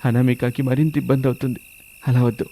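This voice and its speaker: A man's voice: mid-range voice, little pitch movement, quick pace, dark tone, a little hiss or hum, close to an everyday voice. A man voicing an anxious young husband who urgently talks to himself while searching for his wife. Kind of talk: storybook drama acting.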